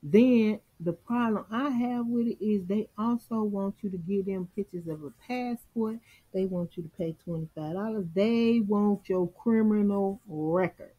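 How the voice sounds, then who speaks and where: A woman's voice: mid-range voice, a little slow, husky, highs cut off. A woman talking straight to her viewers while walking through websites on her screen, sounding exasperated. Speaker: vlogger and salon coach. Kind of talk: casual screen-share commentary.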